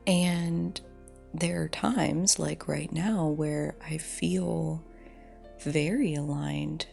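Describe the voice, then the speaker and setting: A woman tells a personal story alone, reflecting aloud haltingly with long pauses, recorded dictaphone-style on a phone voice recorder. Her deep, breathy voice is a little mellow with fairly even intonation and often trails off toward a whisper, while faint music plays behind.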